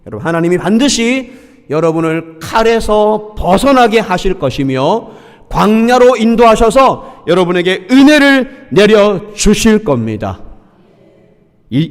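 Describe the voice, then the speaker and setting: A man's voice: sits high, smooth. A middle-aged man preaching a sermon as pastor of a church, leading the congregation to repeat lines and sometimes singing. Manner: animated preaching with call-and-response and sung lines. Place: church sanctuary. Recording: long church hall reverb.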